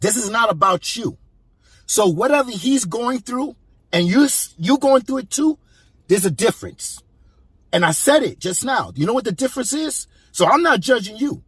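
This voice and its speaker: A man's voice: extremely high pitch, animated, moderate pace, fairly bright tone, breathy edge, no echo. A man giving heated, preachy commentary on a clip, emphatic and repeating himself.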